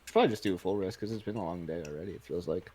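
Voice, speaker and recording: A man's voice: low voice, racing, warm tone, slightly rough. A man playing in a tabletop game on a stream, laid-back and joking, trailing off as he talks. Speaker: player. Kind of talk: casual play on a livestream.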